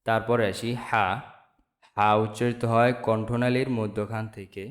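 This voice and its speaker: A man from Bangladesh teaching the Arabic letters in a slow lesson, saying each sound and repeating it for viewers. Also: fairly low pitch, level tone. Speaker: Quran teacher. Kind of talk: slow step-by-step alphabet lesson.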